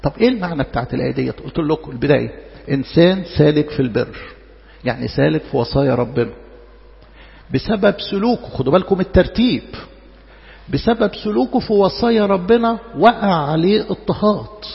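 High, gravelly Egyptian preacher in a hall. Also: male voice, lo-fi sound. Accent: Egyptian Arabic. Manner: animated, rhetorical questions, slows to quote scripture. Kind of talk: sermon.

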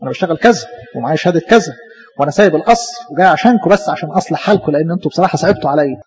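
Man doing a boastful proud man, Egyptian accent, quick bragging, slightly muffled recording. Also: on the high side, lively intonation, darkish tone, slight background noise, close to an everyday voice. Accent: Egyptian Arabic.

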